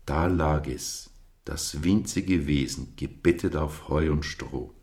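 Male narrator, very low-voiced and unhurried, storybook reading. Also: a little mellow.

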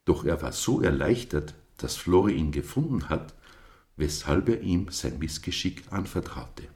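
Male narrator, very low-voiced and unhurried, storybook reading. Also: expressive, darkish tone.

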